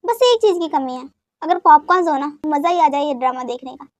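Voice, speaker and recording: A woman's voice: high voice, fairly quick, dry recording. A woman voicing an easygoing middle-aged father in a fan dub drama who talks in an amused way. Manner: amused, relaxed.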